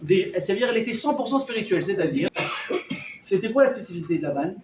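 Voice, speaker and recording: A man teaching a lively Torah class to a live audience, acting out everyday dialogues and firing questions at his listeners. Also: high-pitched, quick pace. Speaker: rabbi teaching a weekly class. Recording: roomy hall, mic at a distance, faint noise.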